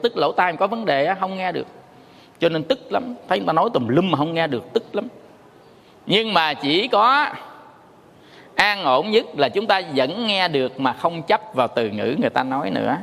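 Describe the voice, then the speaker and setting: In a dharma talk with long hall reverb, a Buddhist monk tells stories and sings tone syllables in a playful way to illustrate his point. His voice is a little high and fairly bright, with vocal fry.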